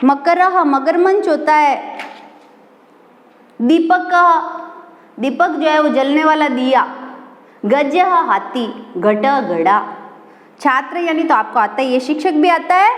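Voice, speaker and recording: A woman's voice: high voice, expressive, takes it slowly, long pauses. A woman, a school Sanskrit teacher giving a class lesson, patiently repeating words and asking the children questions. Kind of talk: recorded online class lesson. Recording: echoey room.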